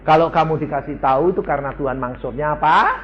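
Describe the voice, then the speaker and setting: A man's voice: on the high side, fast talker, dull audio. An Indonesian preacher, telling folksy stories in a sermon to his congregation.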